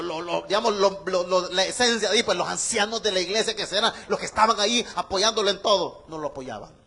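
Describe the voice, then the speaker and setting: A male pastor delivers an animated sermon. His voice sits high and sounds bright and forceful. He keeps turning to the congregation with rhetorical questions. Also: breathy edge.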